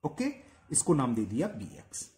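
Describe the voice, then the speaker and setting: A man teaching a maths lesson step by step. He dictates steps slowly while he writes and asks checking questions. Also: mid-range voice, sing-song, slight background noise. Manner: stretches out dictated words. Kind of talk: step-by-step geometry lesson in Hindi with English terms.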